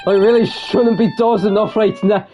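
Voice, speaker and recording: A man's voice: high voice, steady tone, moderate pace, mellow, faint music behind, pitched above the performer's own voice, close to an everyday voice. A man voicing a flustered young male defense attorney with a put-on Irish accent, in a bewildered, raised manner. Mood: groggy.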